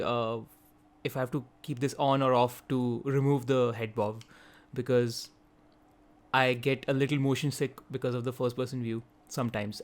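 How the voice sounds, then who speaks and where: A quick-talking man with a medium-pitched voice hosts a gaming video. He offers chatty gameplay commentary, thinking aloud as he works through the settings.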